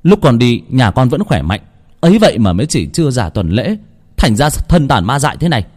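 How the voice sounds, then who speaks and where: A man's voice: lowish voice, sing-song, normal speed, dark tone, slightly rough. A man voicing a protective young husband with a voice that surges when he is pressed, in a spoken ghost story. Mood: angry, confronting.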